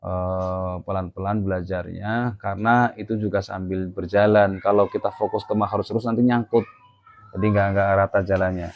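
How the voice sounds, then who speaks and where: A man's voice: low-pitched, level tone, normal speed, muffled recording. Patient male teacher drilling letter sounds. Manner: patient, counts out beats while drilling Arabic letter sounds. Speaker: Quran reading teacher. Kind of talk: classroom lesson. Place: mosque.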